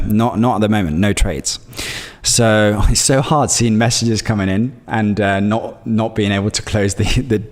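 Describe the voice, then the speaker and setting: A man with a fairly low voice, who grew up in Greece speaking Greek as his first language, does live-stream trading commentary in a large hall. He rambles through his trades, reads chat messages aloud, and uses many fillers and restarts.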